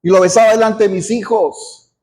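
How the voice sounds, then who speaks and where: A man's voice: high voice, fairly even intonation, normal speed, a little mellow. A middle-aged male pastor preaching a sermon, earnest, repeating words as he builds his point and now and then dropping in an amen.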